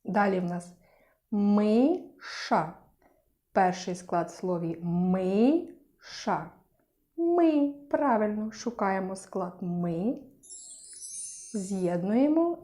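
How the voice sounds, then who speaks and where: Woman, teacher, young children's speech lesson, slow, mellow, clear syllables. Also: medium pitch.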